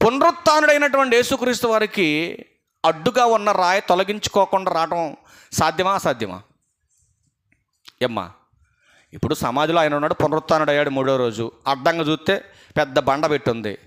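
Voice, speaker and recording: High, bright-voiced impassioned preacher man. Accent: Telugu. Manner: impassioned, rhetorical questions to the congregation. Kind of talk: sermon.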